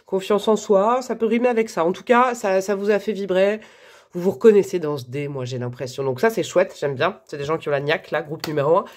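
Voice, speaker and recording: A woman's voice: on the low side, fairly quick. Chatty woman tarot reader. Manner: chatty, many fillers, laughs often. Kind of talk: casual chat to viewers.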